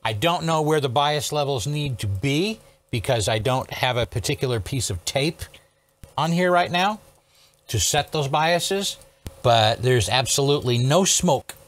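A man in his sixties, an electronics restorer, leads a practical technical walkthrough from the workbench of an indoor workshop studio. Speaking in a mid-range male pitch with lively intonation and a slightly bright tone, he works through things step by step, casually and methodically, frequently stopping to check in.

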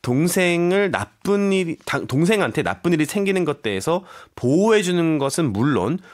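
A man's voice: fairly high pitch, very animated, moderate pace. A middle-aged Korean-American man hosting a bilingual radio English lesson, playful and chatty, with anecdotes. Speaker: radio English show host.

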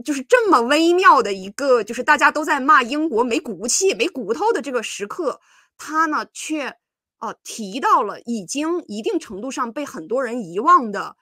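A woman's voice: on the high side, sharp tone, no echo, clean studio sound. A woman hosting a livestream of political commentary, talking casually with many fillers and restarts and breaking into scolding asides.

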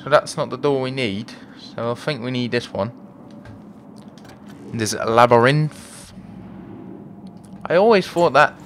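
A man's voice: medium pitch, slow, long pauses, slight background noise. Chatty man narrating his gameplay. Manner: chatty, self-deprecating, thinking aloud. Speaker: gaming video host. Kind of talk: let's play commentary.

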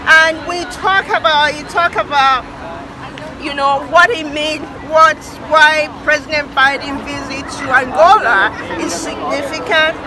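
A middle-aged woman hosts an unscripted news segment, her voice pitched high. She talks haltingly, filling gaps with "uh." Park crowds and passing cars are clearly heard around her. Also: fairly even intonation. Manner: hesitant, many fillers. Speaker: news host and interviewer. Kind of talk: unscripted news wrap and interview. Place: outdoors in a busy city park. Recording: outdoor park with crowd and traffic noise.

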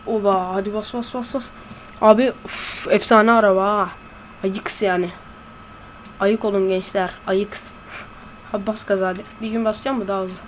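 A woman giving let's-play commentary in a hushed voice, blurting excitable reactions and slang while playing. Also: mid-range voice, moderate pace, a little hiss or hum. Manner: talking in a hushed voice. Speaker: gameplay commentator. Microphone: close to a desk microphone.

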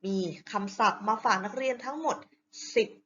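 A woman teaching a Chinese lesson in a chatty, polite style with many fillers and soft sentence endings. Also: a little high, lively intonation, moderate pace. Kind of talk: online lesson explanation. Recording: slightly dull audio, faint hiss.

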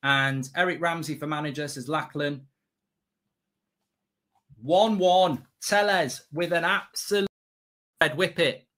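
Casting: middle-aged male football fan host, bright tense delivery, blunt and exasperated live reactions. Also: a little high, steady tone, slow pace, long pauses. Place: indoor streaming studio.

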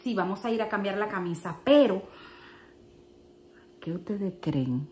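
A young Dominican woman with a Dominican Spanish accent, telling a story as a vlogger in a chatty, animated, exclamatory way and acting out the voices she quotes, recorded in her home kitchen. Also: medium pitch, measured pace, echoey room.

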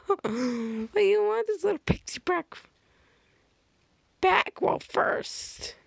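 A man voicing a creepy yet adorable young female villain in a high, squeaky put-on voice. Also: sing-song, takes it slowly, gravelly, no echo, studio quality, heavily acted. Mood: creepy cute.

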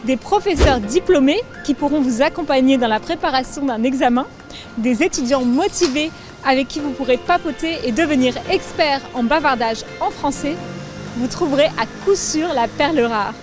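A young woman presenting with a clear, lively teaching delivery, recorded outdoors on a handheld mic. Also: high-pitched, normal speed, over music. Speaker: host. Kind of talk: scripted presenting and role-play.

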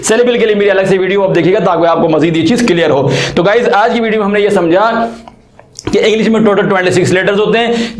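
Guy w/ explaining english grammar, chatty and folksy, higher voice, echoey room. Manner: chatty, folksy, asks rhetorical questions. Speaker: English teacher. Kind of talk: casual explanatory lesson.

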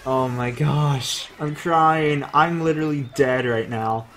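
A young man live-streaming a game, chatting casually, thanking viewers and reading the chat aloud in an excitable way. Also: a little high, slow pace, faint music behind.

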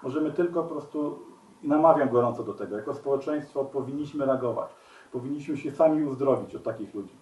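Man making an earnest appeal, halting with fillers, echoey room, mic set back. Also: medium pitch, a little mellow, far from the mic. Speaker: commentator. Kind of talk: spoken video commentary.

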